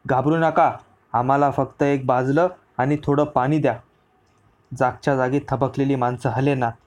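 A man narrating a historical story as an audiobook reading, in a steady storyteller delivery. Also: medium pitch.

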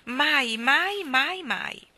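A woman's voice: medium pitch, a little slow, sharp tone, no room sound. A woman reading aloud and voicing an eager little girl who gushes breathlessly. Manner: breathless, gushing.

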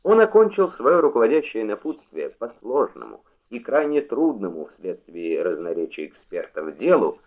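A man reading a memoir aloud as an audiobook narrator, in a measured literary delivery, on a tinny phone-like recording. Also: on the low side, wildly swooping pitch.

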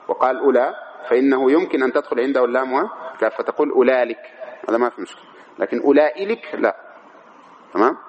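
A man teaching an Arabic grammar lesson who asks the class questions and answers them himself, often checking that they follow. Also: mid-range voice. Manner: keeps checking understanding; slow, measured reading of the text. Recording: dull lo-fi recording with faint noise.

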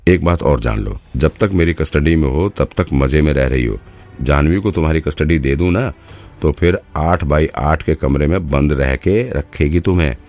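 A man voicing a hot-tempered male police detective who shouts and scolds. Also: very deep voice, moderate pace, soft background music. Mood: stern threatening.

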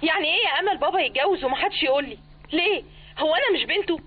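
An actress playing an indignant Egyptian daughter in a radio drama, protesting over the phone. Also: female voice, high voice, expressive, slight background noise. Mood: outraged. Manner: outraged, rapid protesting. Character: indignant grown daughter, furious at father's remarriage. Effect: telephone. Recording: tinny phone-line sound.

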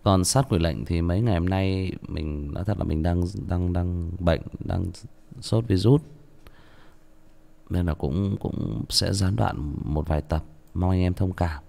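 A man's voice: low voice, measured pace, creaky, darkish tone. A male audiobook narrator, tired, reading a story and then chatting casually with many restarts.

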